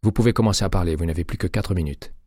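A man's voice: low-pitched, very fast, darkish tone, no room sound, clean studio sound. Man putting on a stern, angry woman doctor. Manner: scolding, clipped and indignant. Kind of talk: audiobook reading.

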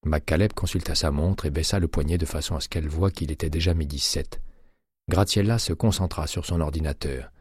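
A man narrating a novel in a steady, measured audiobook reading. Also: rumbling low, husky, no echo, studio quality. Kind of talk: scripted narration.

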